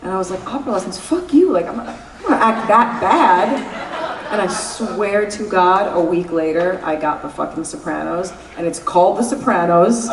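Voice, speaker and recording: A guest actress with a New York accent gives a candid convention interview, laughing and swearing freely. Her voice is fairly low and her pace normal. The mic sits at a distance in an echoey convention room, with crowd noise around her.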